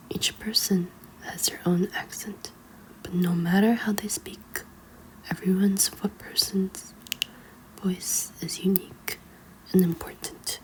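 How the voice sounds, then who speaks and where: A woman reads a children's book aloud as ASMR in a hushed, librarian-like whisper. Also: mid-range voice, low-quality recording. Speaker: ASMR reader.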